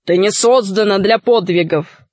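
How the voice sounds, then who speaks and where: A woman voicing a boastful, hot-headed young male bogatyr hero in an audiobook, speaking low, slow and stern. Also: a little mellow, no echo, natural voice. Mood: scornful. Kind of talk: audiobook character voice.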